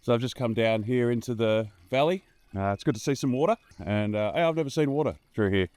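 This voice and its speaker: A just-woken man strolls through the bush with his camera and talks in a low, husky morning voice. He rambles in an easy, laid-back way at a middling pitch. He is recorded outdoors on a handheld camera. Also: a little fast, a little mellow. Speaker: 4WD camping vlogger. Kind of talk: casual walk-and-talk vlog.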